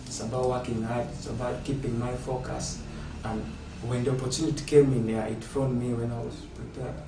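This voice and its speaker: A man from South Sudan, a footballer, answering interview questions in an earnest, steady way. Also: medium pitch, a little fast. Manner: earnest, steady, explaining at length. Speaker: footballer guest. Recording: echoey room, distant mic, ambient noise.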